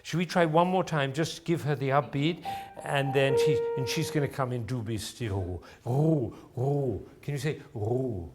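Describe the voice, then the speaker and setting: A man's voice: medium pitch, normal speed, few pauses, darkish tone. A man teaching a voice masterclass in front of an audience, encouraging the singer and explaining as he goes. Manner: encouraging, explanatory, demonstrates sounds and phrases. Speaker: music teacher giving a voice masterclass. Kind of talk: live coaching of a singer before an audience. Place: room with an audience present.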